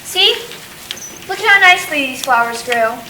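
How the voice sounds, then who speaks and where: A woman's voice: high voice, animated, moderate pace. A woman playing a sneaky, inventive schoolgirl who talks in a drawling, evasive way. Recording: echoey room with noise.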